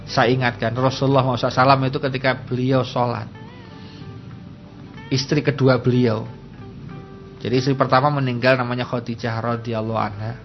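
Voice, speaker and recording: A man's voice: mid-range voice, a little fast, long pauses, lo-fi sound, soft background music. A man with a Javanese accent, a religious teacher giving a humorous talk on radio, telling stories and joking with listeners. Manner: lively storyteller, acts out quotes, jokes with the audience.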